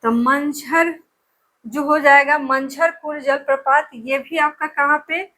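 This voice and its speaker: High, bright-voiced woman teaching slowly. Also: steady tone. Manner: repetitive, drills names over and over with "ठीक है". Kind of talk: exam-prep lesson with memory tricks.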